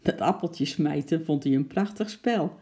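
A man reading a children's story aloud, lively and acting out the noises. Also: on the high side, measured pace. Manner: lively, acts out sound effects.

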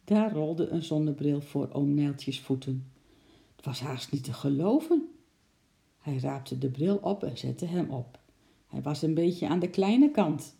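Low, gravelly woman reading a story. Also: expressive, a little slow, dark tone. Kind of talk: reading a children's story aloud.

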